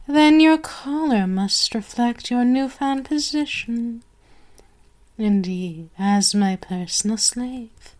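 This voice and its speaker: In an ASMR roleplay, a woman with a mid-range voice plays an imperious, sadistic vampire queen, formal and commanding. She sounds regal and smug, seductive and possessive, savoring each phrase.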